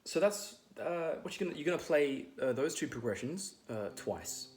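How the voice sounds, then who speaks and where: A man with a hoarse voice giving a relaxed guitar lesson, rambling with many fillers as he explains the chords. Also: fairly high pitch, normal speed, a little hiss or hum. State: losing his voice. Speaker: guitar teacher. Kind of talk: casual guitar tutorial. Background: his own loud acoustic guitar playing.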